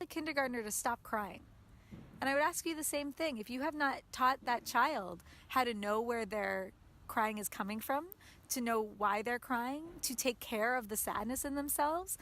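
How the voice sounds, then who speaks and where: A woman who teaches mindfulness answers interview questions in a calm, explanatory way, often starting with "um" or "so". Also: a little high, moderate pace, slight background noise.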